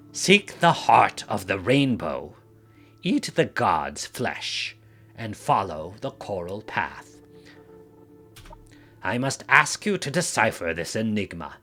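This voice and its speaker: A man reading out a grave elder male mentor who gives orders, in a measured, solemn way. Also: lowish voice, a bit bright, heavily acted.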